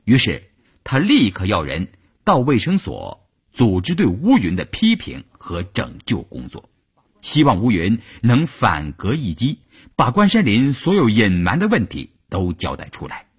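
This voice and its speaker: A man telling a long novel on the radio in an expressive, storytelling manner. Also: unhurried, husky. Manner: expressive, swinging pitch.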